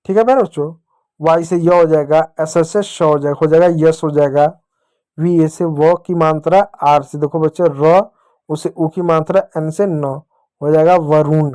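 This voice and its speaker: A male teacher gives a patient reading lesson to children, sounding out words slowly and repeating them. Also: a little high, steady tone, dark tone.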